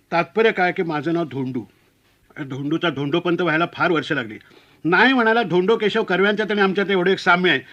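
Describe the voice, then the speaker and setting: High, bright-voiced comic storyteller man. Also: highs cut off. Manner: wry, self-mocking.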